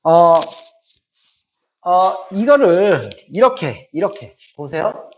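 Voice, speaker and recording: A middle-aged man lectures his math class in a high, very animated voice, stressing key points again and again. The recording is dull and lo-fi with a faint hiss beneath. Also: takes it slowly. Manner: lively, repeats key points, checks understanding. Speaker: math teacher.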